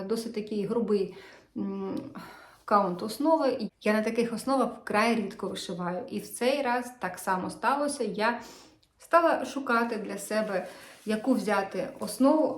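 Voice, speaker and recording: A chatty woman talking casually to her viewers about her embroidery. She sounds enthusiastic and holds up her work as she goes. Her voice rings a little in an echoey room. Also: mid-range voice. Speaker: cross-stitch vlogger.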